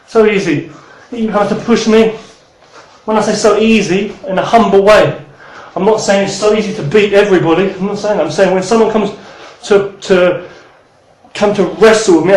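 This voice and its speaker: A man's voice: high-pitched, darkish tone, roomy sound, poor audio. A man in his thirties teaching martial arts in a rambling, casual way, swearing and then apologizing. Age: 30s.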